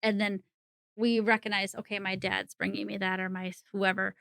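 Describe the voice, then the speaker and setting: A middle-aged woman talks as a podcast guest in a casual, chatty way, often laughing mid-sentence. Her voice is bright and forceful, recorded dry and close with little room sound. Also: medium pitch, level tone, moderate pace, gravelly, dry recording. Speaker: psychic medium guest. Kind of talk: casual interview conversation.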